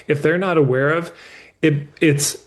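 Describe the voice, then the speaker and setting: A man's voice: a little high, fairly even intonation, measured pace. A man coaching a client in a live session. He explains ideas candidly and emphatically, swears casually, and often restarts his sentences. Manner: restarts mid-thought as he explains. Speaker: business coach.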